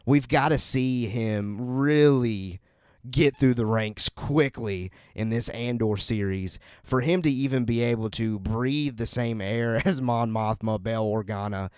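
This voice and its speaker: A man's voice: medium pitch, a little slow, a little mellow, smooth, dry recording, studio quality. A man co-hosting a casual podcast, talking with enthusiasm and often repeating words as he starts a thought. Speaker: podcast co-host.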